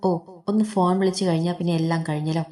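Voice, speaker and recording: A woman's voice: fairly low pitch, fairly even intonation, quick pace, warm tone, natural voice. A woman reading the part of a harsh husband who scolds and belittles his wife. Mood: scolding.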